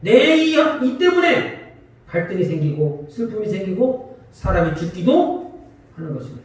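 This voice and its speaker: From a distance in an echoey sanctuary, a man's high voice carries at an ordinary pace as he preaches on Sunday. The pastor asks the congregation questions and acts out arguments in a lively manner.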